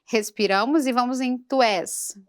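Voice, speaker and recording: Slow, patient woman singing teacher. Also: fairly high pitch, faint music behind. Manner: slow, patient instruction with sung demonstrations. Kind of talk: vocal lesson for a church program.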